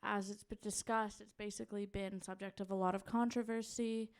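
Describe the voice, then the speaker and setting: A woman's voice: medium pitch, flat delivery, brisk, clear, resonant tone. A woman acting as recording secretary, restating a question from the minutes in a hesitant way. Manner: reads questions aloud, hesitant.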